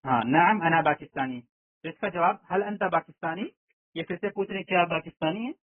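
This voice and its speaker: A man's voice: fairly high pitch, no room sound. A man teaching an online language lesson, explaining step by step and often checking that students understand. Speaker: Arabic teacher. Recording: tinny online call audio, dry.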